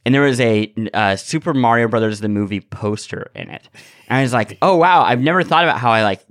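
A man co-hosts a podcast, chatting casually and comically while telling animated stories and acting out people's reactions as quoted lines. His voice is medium-pitched and brisk, and the recording is dry, with clean studio sound.

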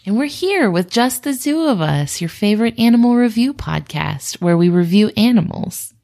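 A woman's voice: mid-range voice, expressive, normal speed, creaky, mellow. A woman hosting a casual animal review podcast, chatty and playful with dry jokes. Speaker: podcast host.

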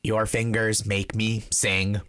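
A man putting on a robot voice to play a talking keyboard, slow and deadpan with a laugh slipping through. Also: on the low side, no room sound, clean studio sound, voice pushed down. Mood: mock robotic. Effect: put-on robot voice.

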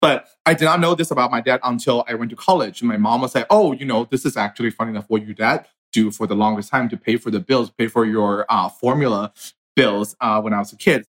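A man's voice: medium pitch, fast talker, fairly bright tone. A man in his thirties from China, an artist and designer, telling his story earnestly in a casual conversation. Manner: earnest, storytelling, frequent fillers.

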